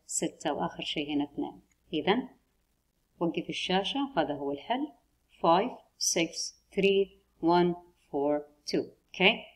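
A woman with a low, husky voice teaches an English lesson. She reads the example phrases slowly and clearly, then rushes through her explanations. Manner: switches between slow careful English model phrases and quick explanations.

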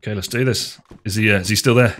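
A man's voice: fairly low pitch, steady tone, fast, fairly bright tone, a little hiss or hum. A middle-aged British man from the UK, chatting casually and swearing while he streams a game from home. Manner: chatty, swears a lot, nervous laughs. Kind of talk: casual gameplay chat. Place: home room.

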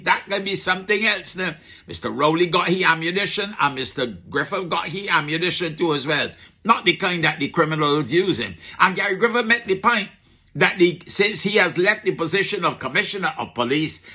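A man's voice: high-pitched, pushed and bright, breathy edge. A middle-aged man with a Barbadian accent giving chatty comic commentary in a market vendor persona, full of rhetorical questions and dialect asides.

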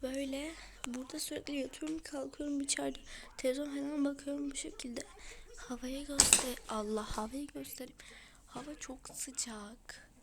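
High, hoarse woman vlogging from home. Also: steady tone, moderate pace, noisy background. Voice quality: breathy, half-whispered. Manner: chatty, talks straight to viewers. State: hoarse from a cold. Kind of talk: casual home vlog. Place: at home, indoors. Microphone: phone camera.

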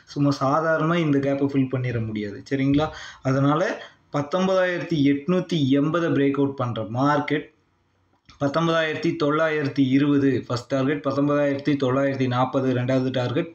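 A man's voice: mid-range voice, fairly even intonation, a little fast. A man with a Tamil accent giving a screen-recorded trading lesson. He walks the listener through the chart, reads out long lists of price figures, and keeps checking that the listener is following. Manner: explanatory, checks in with the listener often. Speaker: stock market trading teacher. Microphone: voice-over on a screen recording. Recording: roomy, muffled lo-fi sound.

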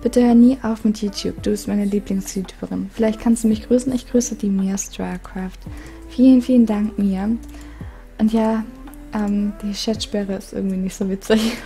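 Calm, very mellow-voiced young woman. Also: mid-range voice, normal speed, soft background music. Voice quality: calm, soothing voice. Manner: giggly, reads letters aloud with frequent laughs. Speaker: gaming YouTuber. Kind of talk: casual chat reading viewer mail.

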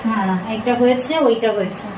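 A chatty young mother, talking at home and turning now and then to greet her viewers. Her voice is high, and the bare room echoes noticeably around it, with faint noise underneath. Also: fairly even intonation, a little fast. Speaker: family vlogger, young mother. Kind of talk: casual family chat, addressing viewers.

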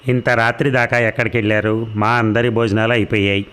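A man voicing a proud, domineering middle-aged wife who answers with drawling, haughty retorts, in his own low voice. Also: flat delivery, a little fast, fairly bright tone, clean tone, lightly acted.

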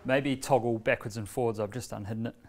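A relaxed, mid-pitched New Zealand man in his 30s walks between a screen and a laptop while demonstrating a learning tool at an informal workshop, speaking conversationally with many fillers and pauses. A far camera records him from across a bright, medium-sized indoor meeting room with a screen, and there's a little hiss or hum.

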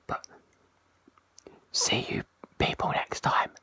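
A vlogger doing a joking mock ASMR clip, whispering loudly and goofily into a phone held close, mocking themselves as they go. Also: slow, no echo. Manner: loud exaggerated whispering; goofy, self-mocking.

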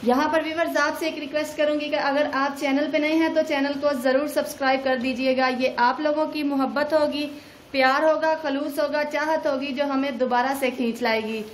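A woman's voice: high voice, moderate pace, reverberant, slight background noise, poor audio. A woman, a cooking channel host, talking through a recipe step by step in a voice-over. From Pakistan. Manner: steady step-by-step instructions.

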